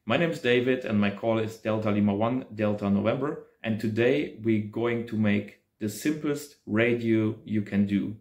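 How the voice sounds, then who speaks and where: In a small home workshop indoors, a man in his thirties who hosts an amateur radio channel walks through a casual hands-on tutorial using short, simple phrases. His voice is lowish and darkish, at a moderate pace with few pauses.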